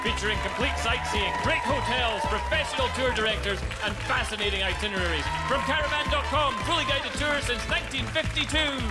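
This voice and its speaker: A man's voice: very high-pitched, brisk, few pauses, a loud crowd. An American man announcing a game show, reading scripted copy with emphatic, punchy delivery. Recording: loud music and cheering audience behind.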